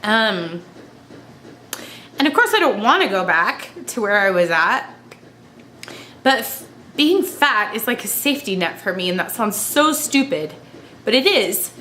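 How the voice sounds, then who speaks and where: A woman crying as she talks in a personal confessional vlog, halting and emotional as she searches for words. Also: medium pitch, sing-song, bright, forceful tone, slight background noise. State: crying, tearful. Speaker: vlogger.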